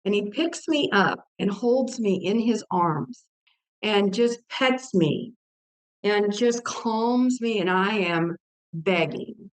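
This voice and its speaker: A woman's voice: medium pitch, slow pace. An older woman from Texas, a guest author in an interview, telling a personal faith story earnestly, with vivid quoted dialogue.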